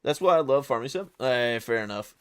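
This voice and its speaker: A man's voice: mid-range voice, expressive, a little fast, a bit bright, clean tone, no echo. Stuttery laid-back man streaming a game. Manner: stuttery, repeats words; slangy, laid-back, calls viewers brother and dude. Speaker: live streamer. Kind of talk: casual live-stream chat while gaming.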